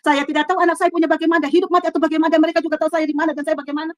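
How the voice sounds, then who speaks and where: Fast, high-voiced earnest woman. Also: little pitch movement, no echo. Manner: earnest, halting with restarts, swings between soft and loud. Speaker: testimony speaker. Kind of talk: emotional personal testimony. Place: her own room.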